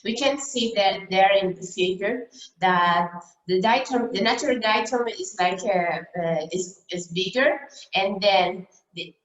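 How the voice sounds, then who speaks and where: A woman from Brazil whose first language is Portuguese, giving a dentistry case report over slides on a video call, halting with many fillers and restarts. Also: medium pitch, a bit bright, dull audio. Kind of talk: conference talk over slides. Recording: roomy echo.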